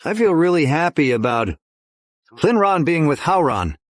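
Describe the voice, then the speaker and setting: A man's voice: on the high side, very animated, moderate pace, dry recording. A man dubbing a bossy, status-obsessed middle-aged father, recorded dry in a studio. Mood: blustering. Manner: blustering, bossy. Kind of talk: English drama dub.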